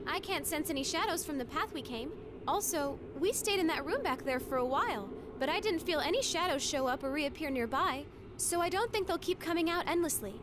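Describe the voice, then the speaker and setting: A woman's voice: high-pitched, lively intonation, a little fast. An actress playing a perky, bossy teenage girl teammate in a video game. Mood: explaining. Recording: noisy background.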